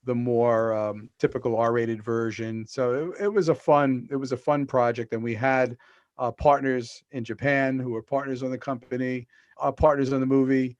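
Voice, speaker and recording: A man's voice: mid-range voice, level tone, moderate pace, no echo, muffled recording. A middle-aged man, a guest on a video-call interview, telling long stories with fillers and restarts. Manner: rambling storyteller with restarts and fillers. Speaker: podcast guest, author.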